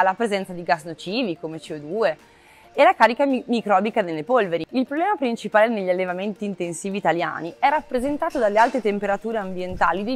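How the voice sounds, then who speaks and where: A young woman in her twenties, a marketing manager, giving a clear, measured scripted explainer to camera outdoors by a cow barn on a lapel mic. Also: mid-range voice. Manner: clear, measured, informative delivery. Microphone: lapel mic, medium framing.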